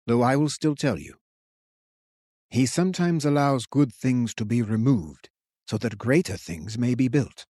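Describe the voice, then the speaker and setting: A man voicing an ancient resurrected king who speaks slowly and gravely in an audiobook. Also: medium pitch, dark tone, dry recording, clean studio sound, lightly acted. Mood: gentle solemn. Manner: slow, grave, measured. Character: ancient resurrected male king, commanding, solemn. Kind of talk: audiobook character voice.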